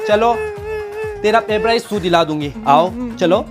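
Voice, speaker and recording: A quick-tempered mother, as a man puts her on in a high, screechy voice, yelling and nagging at her son. Loud music plays behind the comedy sketch. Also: lively intonation. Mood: scolding. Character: angry scolding mother of a boy, quick-tempered.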